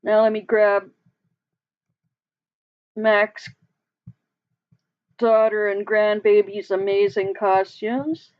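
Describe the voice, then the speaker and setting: A woman's voice: mid-range voice, steady tone, extremely slow, long pauses, clean tone, dull audio. A woman hosting a casual live chat with her viewers, talking in a loose, rambling way with frequent laughs and trailing sentences. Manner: chatty, laughs often, trails off mid-sentence. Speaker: livestream host.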